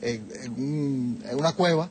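A man's voice: medium pitch, measured pace, darkish tone, slight background noise. An older man, a guest in a TV studio interview, explaining things reflectively into a lapel mic. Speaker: guest, Jesuit leader. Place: TV studio set, seated on a sofa.

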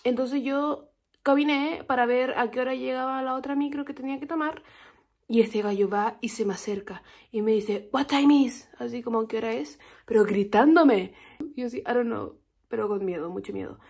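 Casual vlogger, young Chilean woman, slightly high voice, lively storyteller. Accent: Chilean Spanish. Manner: chatty, animated storytelling with quoted reactions.

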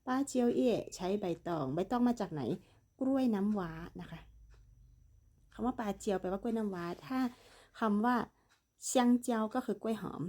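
A woman's voice: mid-range voice, normal speed, dark tone. A woman teaching Chinese, patiently explaining and repeating words while reading a dialogue. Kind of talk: bilingual language lesson, reading a dialogue.

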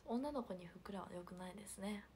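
A young woman livestreaming, chatting casually and reading viewer comments, with a hint of Hiroshima dialect and soft murmured asides. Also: mid-range voice, quick pace, a little hiss or hum. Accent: picking up Hiroshima dialect. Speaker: idol livestreamer.

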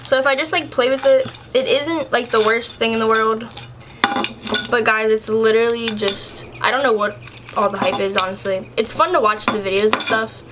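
A woman's voice: on the high side, fairly even intonation, normal speed, background noise. Chatty young woman vlogging. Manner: chatty, filler-heavy, exasperated. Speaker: YouTuber. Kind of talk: casual vlog product review.

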